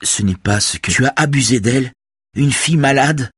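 A man's voice: medium pitch, fairly quick, slightly rough, no room sound, studio quality, voice pushed up. A man reading aloud, voicing a betrayed, distraught grown brother in a strained, raised voice near tears.

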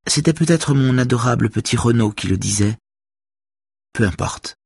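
A man's voice: medium pitch, moderate pace, creaky, darkish tone, slightly rough, no echo, voice pushed up. A man voicing a flamboyant, vain woman in her fifties who talks in a theatrical, gossipy way.

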